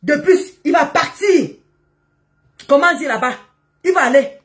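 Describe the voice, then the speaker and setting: A woman, ranting loudly at commenters during a live stream, combative and often shouting. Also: sits high, lively intonation, measured pace. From Cameroon.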